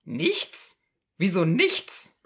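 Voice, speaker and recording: A woman voicing a fussy, reproachful middle-aged housewife in a comedy sketch, speaking in a high, insistent, scolding voice. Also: sing-song, very slow, heavily acted. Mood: nagging.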